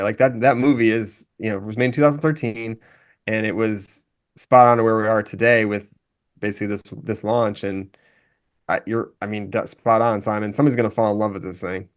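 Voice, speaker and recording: A man hosting a podcast in casual chat, rambling through restarts and fillers. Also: fairly low pitch. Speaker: podcast host.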